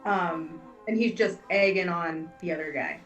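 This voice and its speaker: A woman's voice: on the low side, unhurried, distant mic, soft background music. Hesitant female tabletop player. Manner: hesitant, asking questions. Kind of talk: tabletop game table talk.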